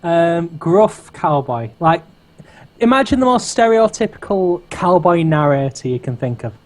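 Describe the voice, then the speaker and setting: A man's voice: a little high, big pitch swings, darkish tone, poor audio. Man from England, game co-host, teasing, stop-start banter, lots of "like" and "um". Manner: joking, halting, lots of fillers. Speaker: co-host of a game let's play. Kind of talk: casual banter.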